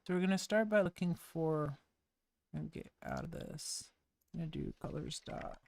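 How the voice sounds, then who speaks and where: A woman's voice: deep voice, gravelly, darkish tone, no echo. A woman live-streaming web development, muttering through each step of her code in a casual, wry way. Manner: slow, muttering, self-narrating while typing code. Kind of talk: thinking-aloud coding stream.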